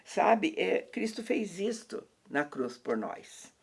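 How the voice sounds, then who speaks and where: Uma mulher brasileira numa conversa cristã descontraída, contando histórias bíblicas com muitos "né" e "sabe". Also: female voice, medium pitch, big pitch swings, slow pace, gravelly, breathy edge. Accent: Brazilian Portuguese. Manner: preachy storytelling, many fillers and tag questions. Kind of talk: casual faith chat.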